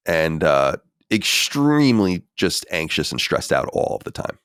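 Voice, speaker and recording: A man in his forties with a deep, sing-song voice speaks unhurriedly in a slightly bright, clear, resonant tone, recorded at studio quality with no echo. Co-hosting a podcast, he chats casually, reads listener letters aloud, and responds bluntly, sighing and swearing.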